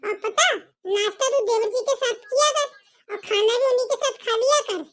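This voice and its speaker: A woman's voice: extremely high pitch, fairly quick, a bit bright. A woman as a caring, scheming elder sister-in-law. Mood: coaxing. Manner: coaxing, advising. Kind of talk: home-made family drama.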